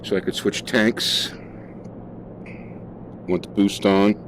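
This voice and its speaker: A man's voice: lowish voice, steady tone, slow, noisy background. A man casually talking through a flight simulator session, thinking aloud with fillers as he flies. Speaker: flight sim streamer. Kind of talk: casual gameplay commentary.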